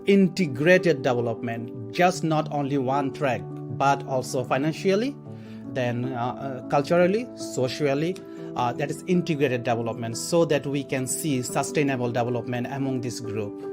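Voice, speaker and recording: A man from Bangladesh who works for a literacy program, speaking earnestly in an interview and often restarting his phrases. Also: mid-range voice. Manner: earnest, explanatory, with halting restarts. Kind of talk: documentary interview segment. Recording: interview over background guitar music.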